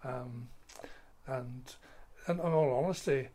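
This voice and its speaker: An older retired school principal, telling stories in an interview in a halting way, full of restarts and fillers. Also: male voice, medium pitch, warm tone. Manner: halting, many restarts and fillers, playful when telling a prank. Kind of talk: interview storytelling.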